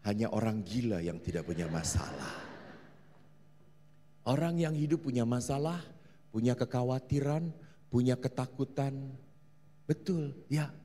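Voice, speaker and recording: Animated priest in an echoing hall. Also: male voice, medium pitch, unhurried, pauses often. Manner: animated, quizzing the audience. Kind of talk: humorous sermon at a family seminar. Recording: long hall reverb.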